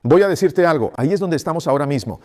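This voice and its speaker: A man's voice: on the high side, lively intonation, very fast, darkish tone. A man preaching a sermon, pressing the congregation with rhetorical questions in an insistent, emphatic way.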